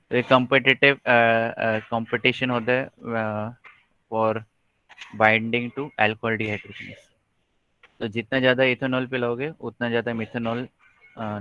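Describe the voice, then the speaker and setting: A man teaching a college biology lecture, pausing often with fillers and checking that students follow. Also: medium pitch, sharp tone, no echo. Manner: slow, hesitant, many fillers, checks understanding often. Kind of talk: live online lecture in Hindi-English mix. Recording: dry, dull lo-fi mic.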